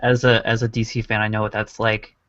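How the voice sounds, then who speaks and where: A man's voice: fairly low pitch, little pitch movement, quick pace, a bit bright, no echo. Man, podcast host, casual chat, easygoing, dry close sound, dull lo-fi. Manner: easygoing, short agreeing replies.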